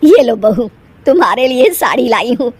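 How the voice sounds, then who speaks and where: A woman's voice: a little high, lively intonation, moderate pace, darkish tone, husky, dry recording. A woman doing a stern scolding cartoon mother-in-law. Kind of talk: cartoon voice acting.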